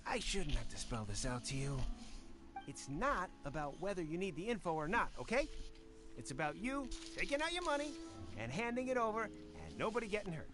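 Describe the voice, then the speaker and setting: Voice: mid-range voice, very animated, brisk, over music, lightly acted. A performer doing a pushy, shady street hustler. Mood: wheedling. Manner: wheedling then blustering, stammers when caught. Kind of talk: game cutscene dialogue.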